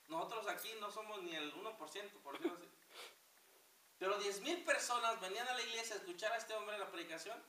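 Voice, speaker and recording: A man's voice: high-pitched, bright, forceful tone. A man preaching a fervent sermon as pastor, calling the congregation brothers. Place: church. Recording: echoey hall from far off, hiss.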